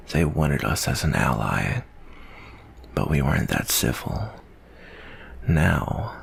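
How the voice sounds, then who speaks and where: Playing a bitterly jaded soldier who hunts monsters and is weighed down by guilt, a man delivers an ASMR roleplay monologue in a full character voice. It is very deep, gravelly and husky, with a slow, brooding, weary delivery.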